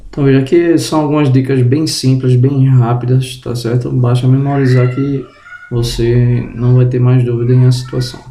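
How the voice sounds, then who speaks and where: A man giving a spoken grammar lesson, slowly drawing out example words and checking in with the viewer, slightly groggy and tripping over words. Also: mid-range voice, level tone, mellow, reverberant, slight background noise. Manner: tag questions to the viewer. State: just woke up, tongue tripping. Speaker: teacher.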